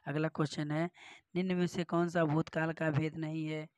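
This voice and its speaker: A man's voice: a little high, little pitch movement, normal speed, a little mellow, no echo. Man teaching an exam practice lesson. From northern India. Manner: explains answers with many rhetorical questions and repetition. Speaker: Hindi teacher.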